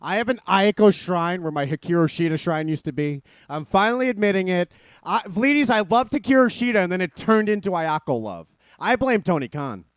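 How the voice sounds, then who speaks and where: A man's voice: high-pitched, lively intonation, brisk, clear, resonant tone, no echo. A man hosting a live stream, rambling and swearing as he talks to his chat. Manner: profane, rambling, addresses chat as ladies. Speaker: stream host. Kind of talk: casual live-stream commentary.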